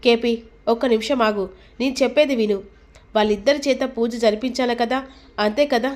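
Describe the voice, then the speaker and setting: A woman's voice: fairly high pitch, steady tone, brisk, close to an everyday voice. A woman reading the lines of a commanding elder woman of the household, speaking firmly and with authority. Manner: firm, authoritative.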